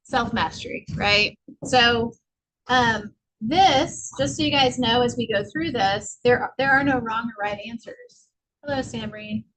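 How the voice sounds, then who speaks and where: A woman's voice: a little high, unhurried, a bit bright, slight background noise, rough recording. A woman presenting a casual office training session, talking loosely and rambling with many fillers. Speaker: workshop presenter.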